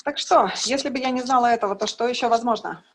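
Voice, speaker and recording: A woman's voice: on the high side, very fast, a little hiss or hum. A woman interpreter giving a live consecutive translation voice-over on a video call. She renders each line plainly, with brief hesitations and self-corrections. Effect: live consecutive translation voice-over into Russian.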